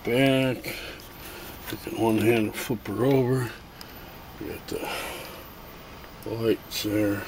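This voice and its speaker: A middle-aged man casually showing off toys and crafts in his home workshop, filming by hand and rambling with halting asides. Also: lowish voice, steady tone. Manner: rambling, halting, self-amused. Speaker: toy customizer vlogger. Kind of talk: casual show-and-tell vlog. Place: cluttered home workshop and garage. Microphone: handheld camera, filming first-person. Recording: noisy home camera audio.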